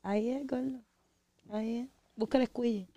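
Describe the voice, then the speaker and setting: A woman's voice: on the high side, moderate pace, crowd noise. Blunt, profane woman. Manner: blunt, profane, animated, mixes English into Spanish. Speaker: podcast guest. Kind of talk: casual podcast chat.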